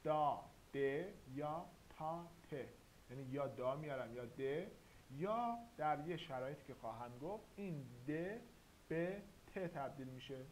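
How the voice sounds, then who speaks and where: A man teaching a grammar lesson, slow and deliberate, spelling out sounds one by one. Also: fairly high pitch, expressive, rough recording. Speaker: language teacher. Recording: faint hiss.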